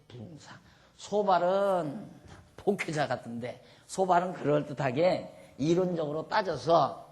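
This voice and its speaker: A man teaching a Bible study lecture to a class, lively and acting out the speakers in the text. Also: medium pitch.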